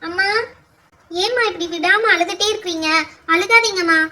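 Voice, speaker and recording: A woman's voice: extremely high pitch, moderate pace, bright, forceful tone. A woman voicing a small innocent daughter who eagerly begs her mother, in a doll show. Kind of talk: doll pretend-play voice acting.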